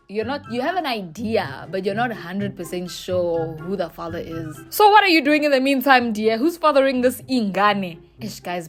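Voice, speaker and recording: A South African woman frankly giving advice as she reacts to viewer confessions, playful and slangy. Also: on the high side. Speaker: YouTuber reading viewer confessions. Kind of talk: casual advice chat.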